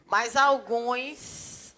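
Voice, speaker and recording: A grammar teacher, giving a lively classroom lecture. She chats with students and acts out little dialogues. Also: a little high, very slow. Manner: lively, chatty, acts out little dialogues, often points things out with "ó". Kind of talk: live classroom lecture for a civil service exam course.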